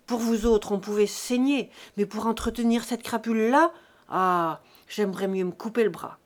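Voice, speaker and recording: A woman voicing a furious, greedy grown peasant son who shouts accusations at his aged parents. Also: medium pitch, animated, measured pace, husky, full character voice. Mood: raging.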